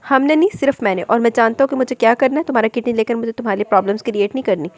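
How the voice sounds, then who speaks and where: A woman's voice: a little high, racing, no room sound, natural voice. A woman voicing a wealthy older husband who speaks in a dry, clipped, dismissive way, reading a romance audiobook. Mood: curt.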